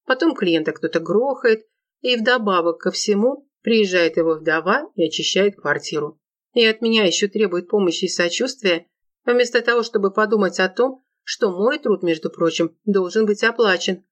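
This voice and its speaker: A woman narrating a crime novel in the first person, even and wry. Her voice sits at a middle pitch, neither high nor low. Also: moderate pace. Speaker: audiobook narrator.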